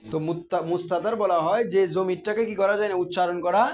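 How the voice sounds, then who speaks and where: Guy teaching a class, talks fast and high, keeps quizzing students, muffled lo-fi sound. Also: steady tone. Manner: asks the class questions and repeats key terms. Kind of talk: classroom grammar lesson.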